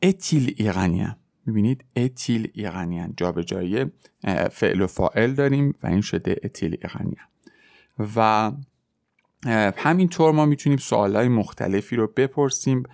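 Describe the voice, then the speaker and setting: A man teaching a French lesson, explaining step by step and repeating French example sentences slowly. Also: fairly low pitch, expressive, gravelly, a little mellow, dry recording, studio quality. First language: Persian. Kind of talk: podcast language lesson.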